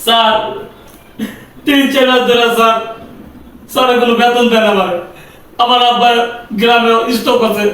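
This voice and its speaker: A man's voice: extremely high pitch, level tone, moderate pace, long pauses, fairly bright tone. A man with a Bangladeshi Bengali accent playing a desperate young servant who begs his employer in tears. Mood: pleading. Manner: pleading, repeats 'sir' over and over. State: crying. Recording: echoey room, mic far off.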